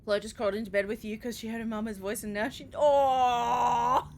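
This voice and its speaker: A young Australian woman commentating live as she plays a video game, animated, swearing and laughing often. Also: a little high, moderate pace, creaky, slight background noise. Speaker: streamer.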